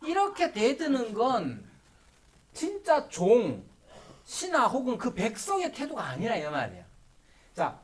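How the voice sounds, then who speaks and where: A man's voice: extremely high pitch, huge pitch swings, measured pace, pauses often. A man teaches a Bible study class as a pastor, his voice swooping widely up and down as he keeps asking the room rhetorical questions. He slips into playful acted-out prayers to make his points, speaking from a church classroom. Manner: acts out playful mock prayers and quotes.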